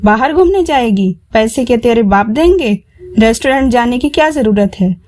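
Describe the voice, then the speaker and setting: Brief: bitter older mother-in-law, sharp high taunts, storybook, narrator doing her. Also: expressive, normal speed, natural voice. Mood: scolding. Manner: shrill taunting scolding.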